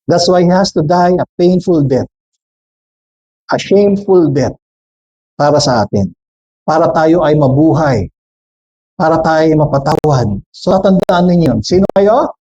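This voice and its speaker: A man's voice: on the high side, unhurried, long pauses, warm tone, husky, muffled recording. A man with a Filipino accent preaching a sermon, switching between Tagalog and English, questioning and joking with the congregation. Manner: jokes with the congregation.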